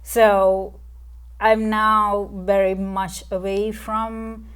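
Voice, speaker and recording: A woman in her forties from Sri Lanka, a guest in an interview, speaking in a soft, reflective way with many pauses and fillers. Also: medium pitch, little pitch movement, smooth. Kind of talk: casual interview.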